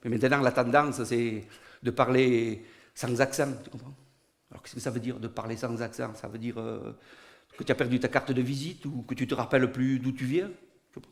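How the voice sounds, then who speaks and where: A man with a Niçois southern French accent telling a comic monologue, animated and rising to loud outbursts. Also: mid-range voice, brisk. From Nice, southern France. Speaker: stand-up comedian. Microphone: studio recording.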